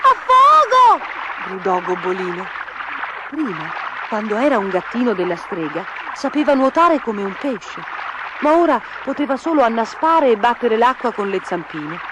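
Woman reading a fairy tale aloud. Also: a little high. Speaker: storyteller. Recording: noisy background.

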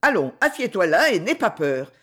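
A reader voicing a drunk, boastful strongman who loudly challenges the room in a storybook reading. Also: medium pitch, very animated, moderate pace. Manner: boisterous, challenging.

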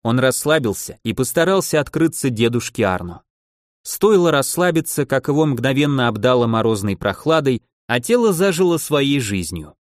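A man narrating a fantasy audiobook in an even, steady reading voice. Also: mid-range voice, normal speed, no echo, clean studio sound.

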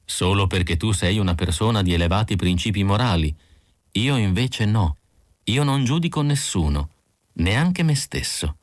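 A man voicing a calm male spiritual guide who speaks slowly and gently in an audiobook. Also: fairly low pitch, no room sound, studio quality, close to an everyday voice. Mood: gentle.

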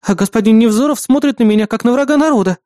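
A man's voice: extremely high pitch, quick pace, warm tone, no room sound, clean studio sound, voice pushed up. A man voicing a bossy, jealous young woman in an audiobook, scolding and bickering. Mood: teasing. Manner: indignant, bickering. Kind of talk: audiobook character voice.

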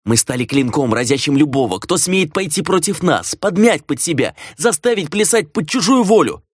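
Man voicing a scornful domineering vampire lord, lively swinging pitch, raised voice, dry recording. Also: moderate pace, no echo. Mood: raging. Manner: scornful, domineering, shouting at times. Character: arrogant mocking male vampire clan lord. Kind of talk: audiobook character voice.

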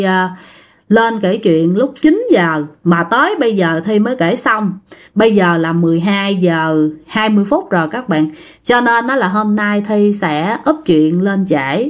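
A woman telling ghost stories to her audience in a relaxed, chatty way. She keeps turning to address her listeners directly as she narrates. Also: medium pitch. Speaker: ghost story host. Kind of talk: casual ghost story narration.

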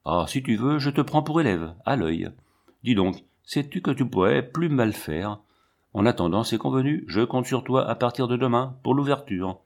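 A man's voice: mid-range voice, animated, moderate pace, creaky. A man reading the part of a proud, brusque male lion tamer showing off his animals. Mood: boastful. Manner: boastful, brusque.

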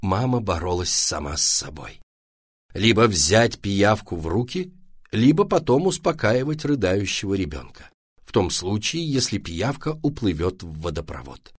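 A man narrating a children's story in an expressive, lively reading style. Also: fairly low pitch, moderate pace, breathy edge, no room sound, clean studio sound.

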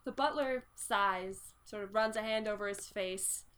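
A woman game master narrating a tabletop scene, descriptive and peppered with fillers. Her voice is bright and clear. She speaks at an ordinary middle pitch. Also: measured pace.

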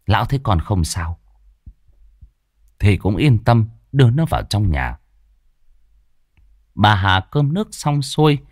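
A man narrating a horror story in a dramatic, expressive way. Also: on the low side, dry recording, studio quality.

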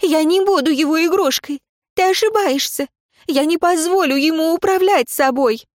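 A woman voicing a desperate young noblewoman in love, high and tearful. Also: moderate pace, dry recording, clean studio sound. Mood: defiant.

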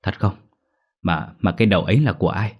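A man's voice: deep voice, a little fast, muffled recording. A man voicing a worried older mother in a village who fires off flustered, repeated questions.

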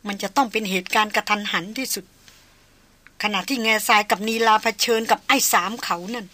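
A woman's voice: a little high, brisk, sharp tone. A woman voicing a grieving veteran male hunter who speaks in a subdued, choked, polite way. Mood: grave restrained.

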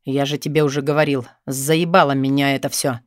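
A man gives voice to a jaded young man who brushes off his friend with short, cold replies. The delivery stays flat and unhurried in a dry, close audiobook sound. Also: mid-range voice, no room sound, natural voice. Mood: weary, curt. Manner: flat, terse, irritated. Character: weary, cold young man, sullen and blunt.

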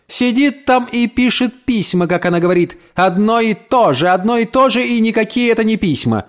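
A man voicing a spiteful, shrieking old landlady in an audiobook, ranting with shrill accusations. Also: a little mellow, lightly acted. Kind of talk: audiobook character voice.

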